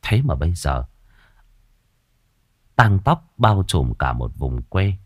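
A man narrating an audio story with expressive, emotive delivery. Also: low voice, slow, no echo, clean studio sound.

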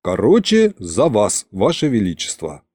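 A man reading an audiobook, voicing a cheeky young male courtier who flatters eagerly and sounds excitable. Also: fairly low pitch, unhurried, dry recording, studio quality, heavily acted. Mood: eager flattering.

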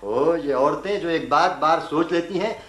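A man's voice: fairly high pitch, normal speed, close to an everyday voice. A man playing an irritable young husband who scoffs at ghost stories, in a roomy old radio drama recording. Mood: scoffing. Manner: scoffing, impatient. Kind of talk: vintage radio drama acting.

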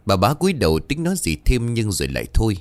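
A man reading a ghost story aloud as a scripted narration, dramatic and expressive. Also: fairly low pitch, quick pace, no room sound.

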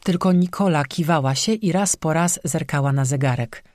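An audiobook narrator reading a scripted horror story in an even, steady manner. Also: medium pitch, moderate pace, no room sound, studio quality.

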